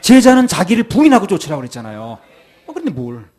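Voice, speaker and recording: A man's voice: sits high, wildly swooping pitch, fast talker, a little mellow. A male pastor giving a sermon, acting out people's excuses in quoted voices.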